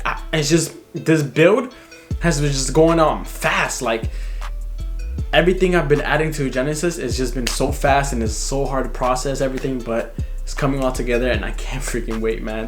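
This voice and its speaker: A young man excitedly talking through his car build in a casual vlog, rambling and swearing often. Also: medium pitch. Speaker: car vlogger.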